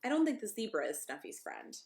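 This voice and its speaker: A woman's voice: mid-range voice, sing-song, fairly quick, creaky, a little mellow. A woman voicing a big, friendly, childlike bird from a storybook in an eager, emphatic manner. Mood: sure, friendly.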